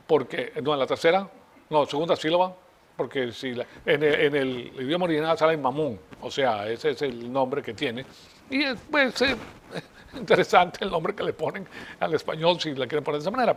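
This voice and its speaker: A man teaching a Bible study, his voice sitting a little higher than most men's. He explains patiently, linking each point to the next and checking that his listeners are following. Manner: strings points together with "entonces".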